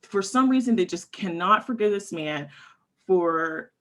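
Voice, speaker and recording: A woman's voice: lowish voice, animated, measured pace, fairly bright tone. A woman co-hosting a casual political chat podcast. She talks in a chatty, blunt way, laughs often and fills her sentences with "you know.". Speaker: podcast co-host.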